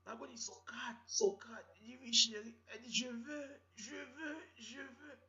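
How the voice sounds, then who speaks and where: A man's voice: very high voice, little pitch movement, measured pace, pushed and bright, voice pushed up, heavily acted. A man voicing an insistent young girlfriend who pleads over and over. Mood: pleading whine. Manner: pleading, repetitive whining. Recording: roomy, dull lo-fi sound.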